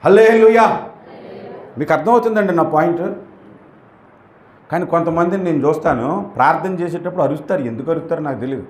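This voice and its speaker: A man's voice: fairly high pitch, a little fast, pauses often, a little mellow. A male pastor preaching emphatically, acting out prayers and rebukes to show how they should sound. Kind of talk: sermon. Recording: echoey room.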